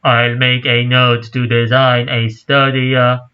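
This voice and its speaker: 男性が演じるロボット声の礼儀正しい教授. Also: male voice, medium pitch, completely flat delivery, takes it slowly, clear, resonant tone, lo-fi sound. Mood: stiff. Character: male robot professor, formal and polite. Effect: robot voice, put on with the mouth.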